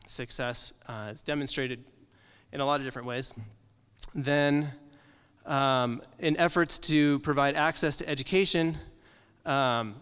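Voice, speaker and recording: A man's voice: mid-range voice, fairly bright tone, smooth, long reverb tail. A man in his thirties giving a conference presentation from slides in a library meeting room, talking casually with frequent ums and uhs. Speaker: conference speaker.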